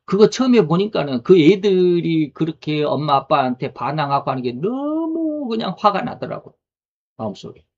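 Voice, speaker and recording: Guy preaching, kinda high voice, talks to the crowd like a chat, asks questions, muffled lo-fi sound. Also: sing-song, moderate pace, a little mellow. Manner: conversational preaching with rhetorical questions. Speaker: pastor. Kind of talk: sermon. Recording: dull lo-fi recording.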